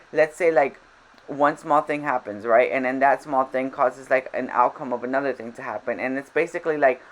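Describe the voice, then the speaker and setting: A woman with a very deep voice, a native Spanish speaker and game vlogger, chats casually in a voiceover over gameplay. She rambles, interrupts herself and seems a little frazzled, and the recording is rough.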